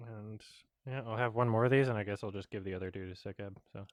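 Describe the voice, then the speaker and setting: A man's voice: fairly low pitch, fast, no room sound. A man chatting in a casual, offhand, rambling way as he hosts an eating vlog. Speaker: mukbang host.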